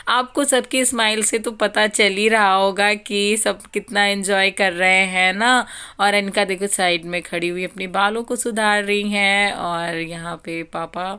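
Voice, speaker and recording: Brief: young woman, Uttar Pradesh Hindi accent, home vlogger; slow, smooth, clear delivery, chatty and full of laughter. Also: mid-range voice, steady tone, bright, forceful tone. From India. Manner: chatty, laughs often, addresses viewers as guys. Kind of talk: casual vlog voice-over.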